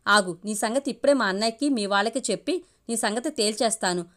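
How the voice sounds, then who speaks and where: A woman's voice: mid-range voice, fast, lightly acted. A woman voicing an angry, indignant young woman who scolds sharply, in a story reading. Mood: furious.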